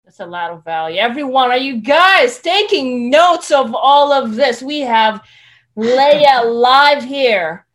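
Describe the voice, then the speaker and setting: A chatty woman with a fairly high voice hosts a live interview. She asks her questions eagerly and laughs easily. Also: expressive, slow pace, a bit bright. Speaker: live show host.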